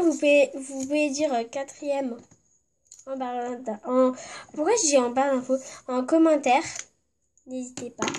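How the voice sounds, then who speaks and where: A woman's voice: high-pitched, darkish tone. A woman with a cold, her voice congested, chatting casually to her viewers in a rambling vlog full of fillers. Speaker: vlogger.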